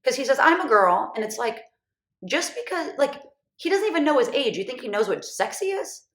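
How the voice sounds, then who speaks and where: A woman hosting a podcast, talking in a chatty, animated way and filling her speech with "like.". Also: high voice, fairly quick. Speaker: podcast host. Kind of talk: casual chat. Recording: echoey room.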